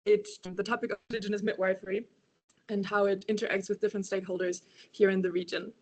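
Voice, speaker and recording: A woman's voice: mid-range voice, little pitch movement, quick pace, a little mellow. A woman, presenting a project over a video call, hesitant and full of ums and yeahs. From Germany. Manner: hesitant, many ums and yeahs, laughs lightly.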